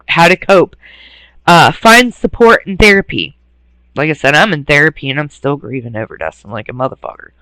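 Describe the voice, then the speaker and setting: A man with a high, bright, forceful voice talks bluntly and with raw passion. He swears freely and sounds close to tears. The recording is dry and close. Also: no echo, rough recording. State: near tears. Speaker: radio host. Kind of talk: emotional monologue.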